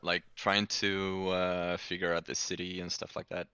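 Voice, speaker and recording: A man's voice: deep voice, flat delivery, measured pace, pushed and bright, clear, resonant tone, dry recording, muffled recording. A man chatting casually in a joking, playful way. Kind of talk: casual banter.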